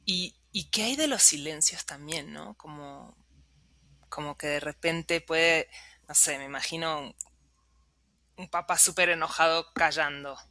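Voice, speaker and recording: A host asks curious questions, pausing and searching for words as they think aloud. The voice is bright and forward, and the recording is dry and close. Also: mid-range voice, no room sound. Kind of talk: conversational interview.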